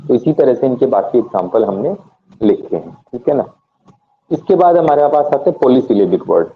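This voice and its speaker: A man gives an English grammar lesson to a class, posing questions he answers himself and spelling words letter by letter. His medium-pitched voice is expressive and moves at normal speed. The audio is tinny and phone-like, with a little hiss or hum.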